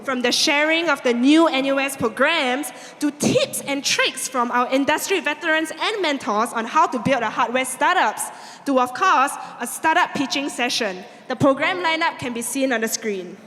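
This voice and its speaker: A woman's voice: sits high, animated, normal speed, a bit bright. A woman co-hosting an event on stage, peppy and leading the crowd. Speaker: event co-host. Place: event hall. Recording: long hall reverb.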